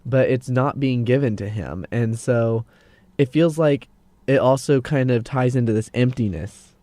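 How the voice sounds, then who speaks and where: This is a young man in casual podcast chat, earnest and a bit hesitant. He often stops and restarts his sentences. His voice is mellow and warm at a middle pitch, recorded dry with no room around it. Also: a little slow, dry recording. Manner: earnest, hesitant, restarts a lot while explaining. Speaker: podcast co-host.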